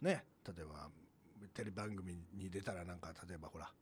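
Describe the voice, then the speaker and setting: A male radio host with a Kansai accent, teasing his guest in quick banter and laughing often. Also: low-pitched, slight background noise. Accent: Kansai Japanese. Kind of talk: casual radio talk.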